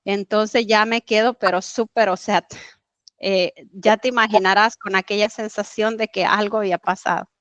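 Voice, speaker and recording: A woman's voice: medium pitch, fairly even intonation, fairly bright tone, no room sound. Earnest woman telling a story, lo-fi. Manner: earnest, halting, with frequent fillers. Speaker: interview guest. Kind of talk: personal storytelling in conversation.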